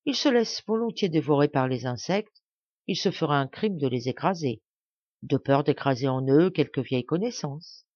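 A woman narrating a fable in an audiobook, reading in a measured, even way. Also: deep voice, no room sound, lo-fi sound. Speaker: audiobook reader. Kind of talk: storybook narration.

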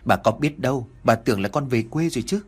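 A man's voice: medium pitch, animated, fast, breathy edge. A man voicing a confused young maid. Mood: confused pleading. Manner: stammering, pleading.

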